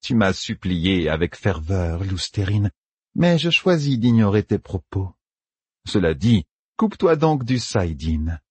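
Casting: male narrator doing a gloating villainous sorceress, raspy, pitched up, dry close read. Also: very animated, a little slow, a little mellow, dry recording, heavily acted. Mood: contemptuous. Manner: taunting, mocking and cold. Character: cruel sadistic female sorceress villain.

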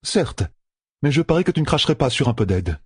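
A man reading an audiobook, voicing a proud, sharp-tongued female channeler with dry, bossy teasing. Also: mid-range voice, sing-song, moderate pace, husky, dry recording, pitched above the performer's own voice. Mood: wry. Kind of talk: audiobook narration.

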